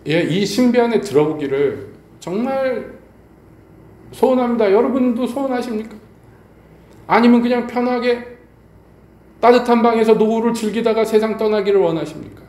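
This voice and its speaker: Male pastor, middle-aged, warm voice, storytelling sermon in a roomy church hall. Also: sits high, animated, normal speed, long pauses. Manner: storytelling preacher, appeals to the congregation with rhetorical questions. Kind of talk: evening sermon. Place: church sanctuary. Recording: echoey church hall, faint background noise.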